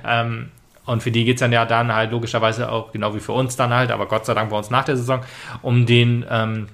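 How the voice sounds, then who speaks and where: A man's voice: mid-range voice, flat delivery, a little fast, a bit bright. A man co-hosting a casual football podcast, talking hesitantly with many fillers and restarts. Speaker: podcast co-host.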